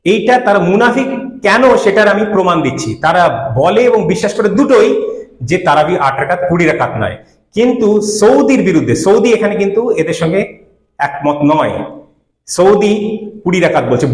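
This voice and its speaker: Fast, high-voiced preacher. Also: male voice, echoey room. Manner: argumentative, rhetorical questions. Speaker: Islamic preacher. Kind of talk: religious lecture.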